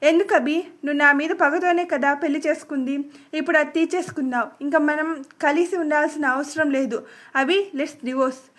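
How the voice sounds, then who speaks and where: A woman's voice: high-pitched, steady tone, normal speed, a bit bright. A woman voicing a hurt, defiant young wife in a dramatic storybook reading, with a bitter, accusing tone.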